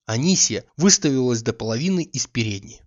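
A man reading a literary audiobook in a measured, calm storytelling manner. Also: mid-range voice, muffled recording. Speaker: audiobook reader.

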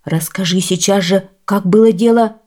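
A woman's voice: medium pitch, normal speed, mellow, natural voice. A woman voicing a frightened, puzzled village baker who questions sternly.

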